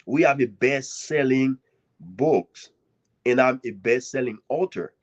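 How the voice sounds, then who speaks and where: Speaking at a medium pitch, a guest author from Haiti delivers a heartfelt speech of thanks at a live author event. His emphasis rises and falls, he leaves long dramatic pauses, and the recording has a dull, lo-fi quality.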